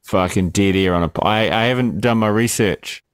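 A man trading jokes on a film review podcast, rambling with lots of fillers and the odd curse. His voice sits fairly low. The sound is dry and close, with no room echo. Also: moderate pace, clean tone. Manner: joking, rambling with fillers and swearing. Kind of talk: casual banter.

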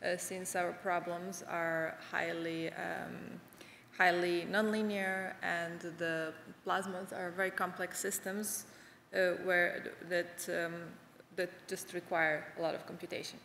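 A woman in her thirties gives a keynote from a large conference stage, her voice carrying a gravelly edge. She talks haltingly, with frequent fillers and restarts. The sound is roomy with a long reverb tail and faint hall ambience. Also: lowish voice, level tone, fairly bright tone, a little hiss or hum. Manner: hesitant, many fillers and restarts. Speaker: award-winning researcher giving keynote. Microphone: podium microphones.

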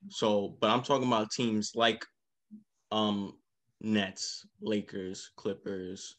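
A man hosting a casual basketball podcast, talking with quick bursts of enthusiasm. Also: fairly low pitch, fairly even intonation. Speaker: podcast host. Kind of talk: casual sports chat.

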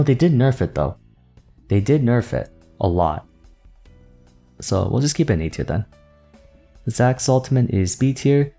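A man hosting a gaming video in casual unscripted commentary, thinking aloud and changing his mind, his voice going hoarse. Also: on the low side, dark tone. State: losing his voice.

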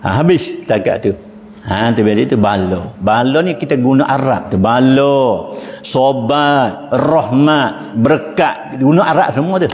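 A man with a Pattani Malay accent, an Islamic teacher giving a lively religious lecture, asking rhetorical questions and chuckling often. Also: medium pitch, a little slow, dull audio. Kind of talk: religious lecture in local dialect. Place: mosque. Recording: long reverb of mosque hall, faint noise.

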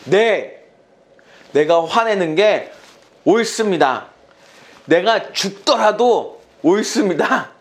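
A pastor voices a petulant male prophet in a sermon retelling, whining and pleading in a raised, sing-song voice. The pitch jumps around in sulky complaint. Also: animated, slow pace, long pauses, exaggerated voice. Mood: defiant. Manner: whiny, pleading, exasperated. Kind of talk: sermon storytelling.

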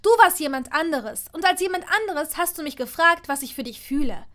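A woman voicing a fiery, hurt young witch who speaks loudly and with heated emphasis in a fan-fiction audiobook. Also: high-pitched, lively intonation, normal speed. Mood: furious.

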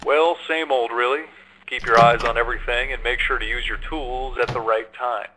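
A laid-back, joking night-shift supervisor, as a man voices him for a horror game, briefing the new guard in a casual, matter-of-fact way. His voice is bright and forward, with a faint hiss of noise behind it. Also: medium pitch, fairly even intonation, normal speed, natural voice, poor audio. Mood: breezy.

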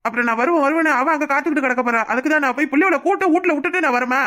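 A woman's voice: high voice, rapid-fire, fairly bright tone. A woman voicing a grown son in a cartoon comedy, who is torn between his mother and his wife and tries to placate them. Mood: placating. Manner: hedging, placating.

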